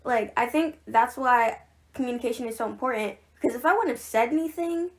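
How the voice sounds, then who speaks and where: A woman's voice: fairly high pitch, fairly quick. Giggly teen girl co-hosting a chat. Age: teens. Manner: chatty, laughs often, many fillers. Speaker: podcast co-host. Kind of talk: casual podcast chat.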